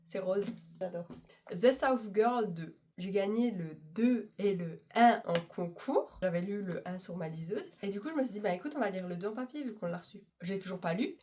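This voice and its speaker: A young woman chats casually to her viewers, gushing about what she loves and teasing herself as she goes. Her pitch sits in a medium range, and she talks fast and excitedly. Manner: gushing, fast-talking, self-mocking. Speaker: book vlogger. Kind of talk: casual chat to camera.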